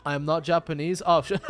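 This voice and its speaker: A man livestreaming a game, chatting casually in an informal, sweary, bantering way. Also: on the high side. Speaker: livestream host, gamer. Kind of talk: casual livestream chat while gaming.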